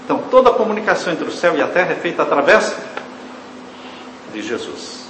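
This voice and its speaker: A man preaches from the pulpit, pressing hard on certain words before sinking into quiet, low phrases. His voice sits a little high. The sound carries a long hall reverb with a faint hum of ambience behind it. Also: very animated, quick pace. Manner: emphatic preaching, swings from loud stressed words to hushed low phrases; addresses the congregation as dear ones. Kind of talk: sermon. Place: church hall.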